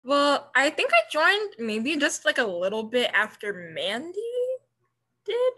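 Young woman, fairly high pitch, casual chat, filler-heavy phrasing. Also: sing-song, unhurried, bright, forceful tone. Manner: says "like" constantly, loose phrasing. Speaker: podcast guest, committee co-lead.

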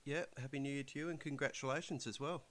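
A man's voice: medium pitch, steady tone, quick pace, a bit bright. An Australian man co-hosting a podcast in casual, conversational chat. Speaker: podcast co-host.

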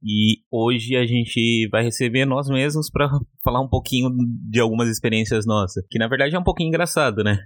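A man's voice: medium pitch, brisk, few pauses, no room sound, clean studio sound. A man from São Paulo with a São Paulo accent, co-hosting a podcast and telling a travel story casually, rambling with many fillers and restarts. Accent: São Paulo Brazilian Portuguese. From São Paulo, Brazil. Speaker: podcast co-host.

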